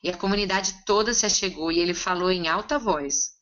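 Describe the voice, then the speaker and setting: A woman interpreting a seminar consecutively, relaying each line in a steady, conversational way. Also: on the low side, brisk, muffled recording.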